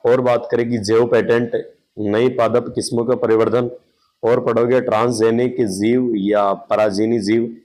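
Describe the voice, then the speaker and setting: A man's voice: mid-range voice, little pitch movement, measured pace, a little mellow, a little hiss or hum, poor audio. A man, a coaching class teacher reading out an exam syllabus in a chatty way, often calling out to his students as friends. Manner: chatty, repeats "bhai sahab" and "pyare mitron".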